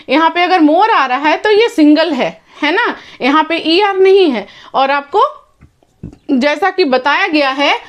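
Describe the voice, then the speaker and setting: A high-pitched woman with an Indian accent gives a grammar lesson. She speaks slowly and mixes Hindi with English. She keeps asking her students questions as she explains. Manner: slow, drawn-out English phrases, quicker Hindi explanations.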